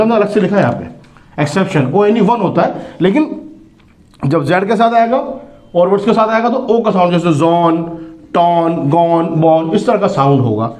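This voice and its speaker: A man teaches an English phonics lesson. His voice sits fairly high, and he spells each word out letter by letter, then repeats the sound slowly for his students. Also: darkish tone.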